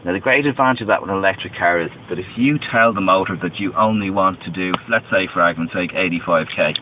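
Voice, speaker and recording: A man's voice: deep voice, fast talker. A man in his thirties, inside a parked car, patiently explaining car features step by step, recorded from some distance on a tinny, lo-fi device. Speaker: car company representative. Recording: distant, tinny, lo-fi with faint noise.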